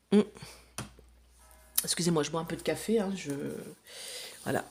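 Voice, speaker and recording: A woman's voice: low voice, slight background noise. A woman chatting casually to camera as she lays out runes and cards for a reading, explaining each step with plenty of fillers. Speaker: psychic reader.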